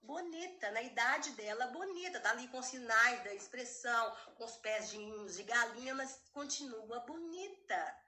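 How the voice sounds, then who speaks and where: High bright fervent woman. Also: lively intonation, moderate pace, hardly any pauses, reverberant. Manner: fervent, emphatic, repeats phrases.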